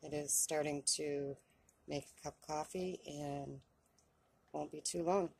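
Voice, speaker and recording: A woman's voice: low voice, fairly even intonation, a little slow, gravelly, a little mellow, husky. A woman chatting casually in a how-to vlog from inside her van, with frequent ums and a self-deprecating manner. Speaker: van-life vlogger. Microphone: camera on a tripod.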